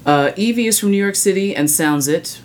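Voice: mid-range voice, fairly quick. A music podcast host with a mid-range voice delivers prepared commentary. The manner is opinionated and wry, breaking into blunt, casual asides.

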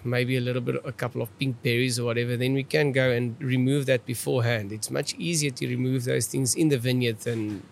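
A man's voice: medium pitch, fairly even intonation, a little fast, gravelly, hardly any pauses, a little hiss or hum. A man from South Africa with an Afrikaans accent, answering conversationally as a viticulturist guest and often repeating words as he feels his way along.

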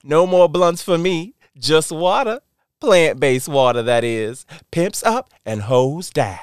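A man's voice: on the high side, expressive, slow, clean tone, no room sound, studio quality. A man voicing a stressed-out, exasperated woman in a parody radio ad.

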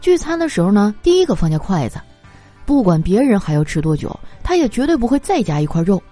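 Brief: woman comic, mellow tone, very animated delivery, light music underneath. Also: medium pitch, fast. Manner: lively, animated, laughs through punchlines. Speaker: comedy monologue performer. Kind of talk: stand-up style comic storytelling.

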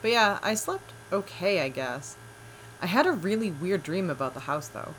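A woman's voice: on the low side, moderate pace, a little hiss or hum, low-quality recording. An actress playing a dry-humored wife who is groggy before her coffee, in an audio drama. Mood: storytelling. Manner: dry, deadpan.

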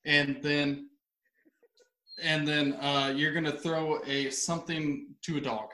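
A man playing a word-guessing game on a radio show, excitable and laughing often as he fumbles his clues. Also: on the high side, slow, roomy sound. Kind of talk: casual joking banter.

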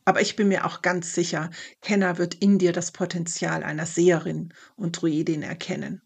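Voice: medium pitch, little pitch movement, moderate pace, gravelly, slightly rough. A storyteller voicing an eager young village girl. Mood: heartfelt. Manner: encouraging, heartfelt. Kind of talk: storybook narration.

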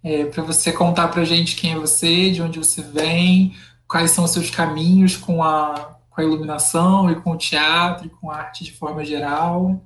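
A woman's voice: low-pitched, level tone, moderate pace. Echoey Brazilian woman, host's voice. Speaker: interview host. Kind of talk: poetry reading, then conversational hosting. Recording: echoey, roomy sound.

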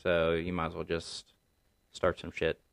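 A man's voice: low-pitched, monotone, measured pace, vocal fry. A man on a casual podcast, laid-back as he plugs his social media.

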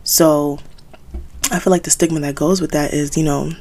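Young woman, 20s, solo podcast host. Low, gravelly register, candid conversational delivery. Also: fairly even intonation, normal speed, darkish tone. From United States, Haitian American. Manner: candid, conversational, thinking aloud.

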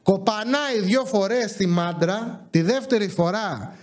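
High-voiced, exasperated male storyteller. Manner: animated, exasperated, quotes others in dialogue. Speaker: podcast host. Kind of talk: comedic storytelling.

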